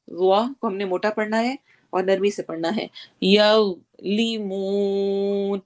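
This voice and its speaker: A woman teaching tajweed, reciting Quranic verses slowly and drawn out, then explaining each rule in brisk Urdu with a Pakistani accent. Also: mid-range voice, darkish tone. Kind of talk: tajweed lesson, slow chanted recitation between quick spoken explanations.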